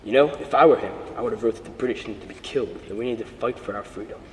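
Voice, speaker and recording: A teenage boy with a fairly low voice rattles off scripted lines very fast and somewhat stiffly in an amateur puppet show, playing earnest historical figures. He starts as an opinionated, argumentative questioner and later becomes a modest, honorable colonial gentleman, his natural voice caught in a roomy, echoing recording with background hiss.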